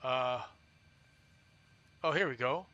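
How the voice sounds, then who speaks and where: A man's voice: medium pitch, takes it slowly, bright, forceful tone, muffled recording. A man streaming a factory-building game, thinking aloud in casual commentary with fillers and restarts.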